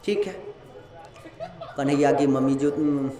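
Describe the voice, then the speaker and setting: A man telling a devotional story as a katha storyteller, animated and speaking directly to his listeners. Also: medium pitch, a little slow, roomy sound.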